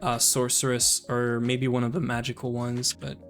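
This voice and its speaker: A man with a Canadian accent, chatting casually while playing a game on stream and thinking out loud. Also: mid-range voice, flat delivery, moderate pace, faint music behind. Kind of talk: casual gaming commentary.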